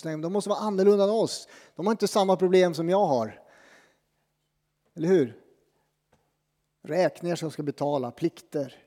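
A man preaching as a pastor, his voice a little higher than usual for a man but dark and mellow in tone. He talks in a conversational, self-deprecating way, with dramatic pauses. A long reverb from a church hall trails after his words. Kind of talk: sermon.

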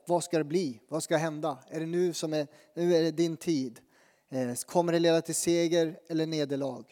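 A man preaches in an earnest, conversational way, restarting phrases as he thinks aloud. His voice sits on the high side for a man. A long church reverb trails after his words. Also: a little mellow. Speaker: pastor. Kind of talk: sermon with prayer.

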